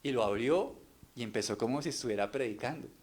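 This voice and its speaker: A man's voice: medium pitch, quick pace. A middle-aged man preaching an earnest sermon, pressing the congregation with rhetorical questions.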